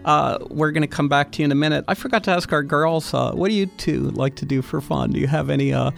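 A man hosting a radio interview, asking friendly questions with many "uh" pauses. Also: on the high side, creaky, fairly bright tone, faint music behind. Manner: friendly questioning, frequent "uh" fillers. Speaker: radio host interviewing young guests.

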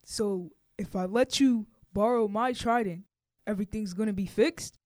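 A woman's voice: medium pitch, moderate pace, darkish tone, no room sound, natural voice. A woman voicing a stern merman king who defers to his wife, in improvised comedy. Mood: questioning. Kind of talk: improvised comedy role-play.

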